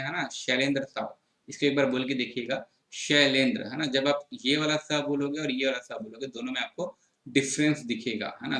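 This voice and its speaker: A male exam-prep teacher from Chhattisgarh, walks through an answer key. He explains patiently, checking in with students again and again, in a voice of middling pitch. The room around him is echoey. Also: a bit bright.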